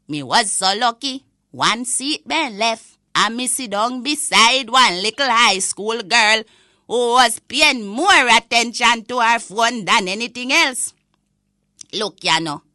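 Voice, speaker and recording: A woman's voice: a little high, bright, forceful tone, no echo, studio quality, heavily acted. A woman voicing a cranky old Jamaican granny in a comic audio rant, indignant and scolding in Patois. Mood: grumbling.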